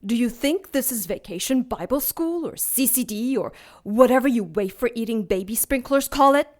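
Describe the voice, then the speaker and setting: A woman's voice: on the high side, animated, normal speed, close to an everyday voice. Lilith, a woman playing a haughty ancient demoness. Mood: menacing. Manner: grandiose, menacing, contemptuous. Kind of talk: audio drama acting.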